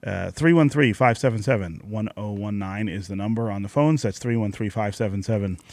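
A man hosting a call-in radio talk show, speaking in a measured way and reading out the phone number. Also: fairly low pitch, darkish tone, dry recording. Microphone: studio microphone.

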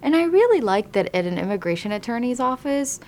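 A woman from Iraq, an immigration attorney, answering interview questions thoughtfully with frequent pauses and restarts. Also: a little high, sing-song, darkish tone, slight background noise.

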